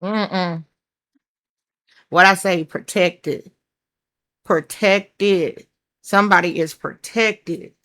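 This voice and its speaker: A tarot reader with a country accent speaks slowly in a lowish, slightly bright voice with fairly even intonation. Her reading is casual, chatty, and blunt; she thinks aloud over the cards, swears casually, and calls her viewers child and baby.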